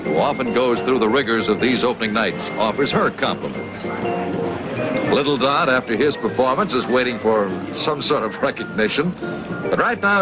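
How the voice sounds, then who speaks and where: A man's voice: on the low side, muffled recording. A man narrating a 1960s newsreel in an upbeat showbiz voice-over, with the sound of an old newsreel.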